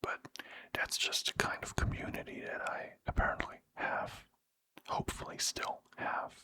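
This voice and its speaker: An ASMR creator softly whispering thanks to supporters late at night, sleepy, with casual slang and rambling asides. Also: normal speed.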